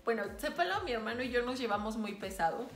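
Chatty young Mexican woman, fairly high voice, laughs a lot, echoey room with faint music. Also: expressive, quick pace. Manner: chatty, laughs often, addresses viewers as "chicos". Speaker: vlog co-host. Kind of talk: casual chat.

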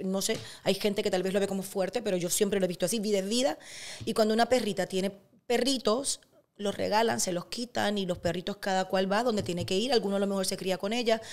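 A middle-aged woman with a Cuban accent, a guest in an interview, telling personal stories in a lively way. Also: mid-range voice. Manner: animated storyteller who acts out quotes. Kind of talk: casual interview storytelling.

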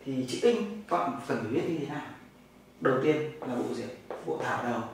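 A man's voice: mid-range voice, a little fast, background noise. Northern vietnamese male teacher, quizzing questions, very echoey room, distant mic. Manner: explains step by step, asking questions and answering them himself. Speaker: Chinese language teacher. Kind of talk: classroom lesson.

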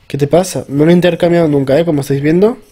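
A man's voice: on the high side, steady tone, racing, warm tone, breathy edge. A young man with a Spain Spanish accent, chatting casually as he plays and exclaims at the game. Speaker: gaming youtuber. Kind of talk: casual gameplay commentary.

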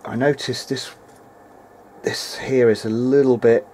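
Working at an indoor bench, the hobbyist talks through his repair in a relaxed, uncertain way for a video diary. His mid-range voice is mellow and a little slow, with fairly even intonation and slight background noise.

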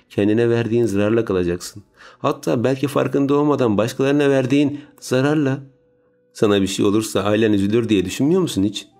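A man's voice: fairly low pitch, mellow, lightly acted. A man voicing an earnest, determined young woman who pleads urgently, in a raised voice, in an audiobook reading.

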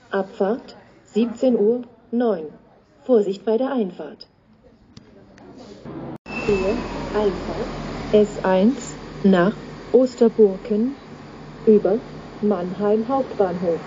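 A woman making a flat automated platform announcement in clipped, piecemeal phrases over station loudspeakers. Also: mid-range voice. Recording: dull lo-fi station PA, background noise.

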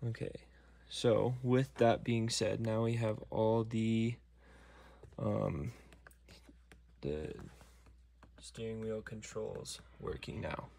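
A man calmly walking through a steering wheel module install from inside his truck, filmed on a phone while he works, with a few near-whispered asides. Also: fairly low pitch, creaky, a little hiss or hum. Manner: slow, methodical, talking while working, some near-whispered asides. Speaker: DIY car tutorial maker. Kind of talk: step-by-step how-to narration.

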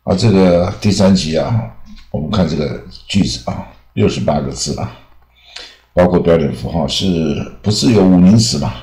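A man teaching English over slides in Taiwanese-accented Mandarin, unhurried, with many drawn-out filler sounds. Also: low voice, warm tone. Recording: echoey room.

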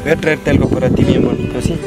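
A man, a lawyer hosting a charity visit, warmly reassuring crying children and promising to return. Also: mid-range voice, steady tone, fast talker. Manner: consoling, repeats reassurances, affectionate. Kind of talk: emotional field conversation with children. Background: music score.

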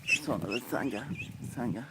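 A man's voice: mid-range voice, lively intonation, normal speed. A man casually vlogging outdoors as he shows his ducklings, coaxing and cooing at them and often urging viewers to subscribe. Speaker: YouTuber showing his ducklings. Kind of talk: casual vlog narration. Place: outdoors in a hot yard. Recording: loud outdoor background noise.

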